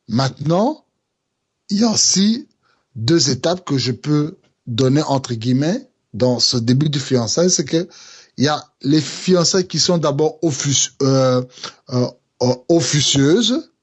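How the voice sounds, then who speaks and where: Husky Congolese pastor, hesitant teaching. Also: male voice, fairly high pitch, animated, measured pace. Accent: Congolese French. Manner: hesitant, many fillers and restarts, earnest.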